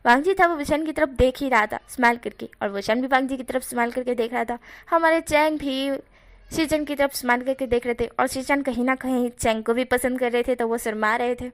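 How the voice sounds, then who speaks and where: Chatty high-voiced woman narrator. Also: a little fast. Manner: chatty, with slips and self-corrections. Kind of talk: casual fan-story retelling.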